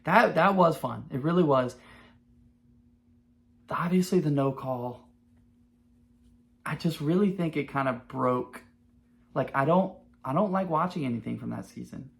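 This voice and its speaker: A man in his twenties hosting a podcast, talking in a rambling, profane, excitable way in casual sports chat. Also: on the high side, unhurried, vocal fry, long pauses. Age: 20s. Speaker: podcast host.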